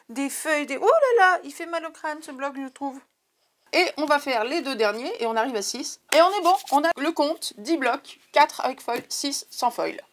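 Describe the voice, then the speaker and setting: A woman's voice: a little high, fairly bright tone. A woman with a French accent, chatting casually to her viewers in a craft haul video, digressing often. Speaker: craft vlogger.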